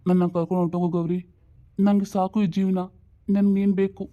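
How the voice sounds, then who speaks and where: A woman voicing an ailing old father, weary and longing for his late wife, speaking slowly and pleadingly. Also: medium pitch, little pitch movement, narrow, tinny audio, lightly acted.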